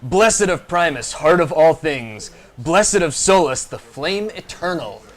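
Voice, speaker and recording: Ceremonious male herald, read by a man, slow with a high, swooping pitch. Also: animated. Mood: solemn. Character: solemn male herald announcing a robot leader.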